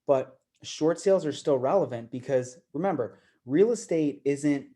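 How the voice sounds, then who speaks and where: A man's voice: a little high, lively intonation, moderate pace, dark tone. A man giving a casual, conversational seminar talk to an audience of investors, often repeating words. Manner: conversational, repeats words, fillers like "you know". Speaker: guest speaker at investor meeting.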